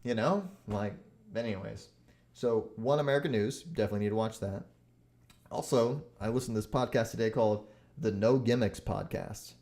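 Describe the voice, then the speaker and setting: A man's voice: on the low side, moderate pace, darkish tone. A young man hosting a solo podcast, rambling with many fillers, swearing and getting heated as he talks. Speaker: podcast host.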